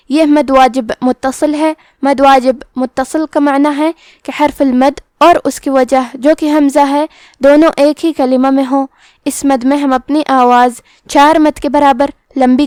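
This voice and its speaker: A woman with a Pakistani Urdu accent teaching Quran recitation rules step by step, explaining each letter plainly and then reciting the words slowly with long drawn vowels. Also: high-pitched, a little mellow, no echo, clean studio sound. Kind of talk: tajweed lesson with slow recitation.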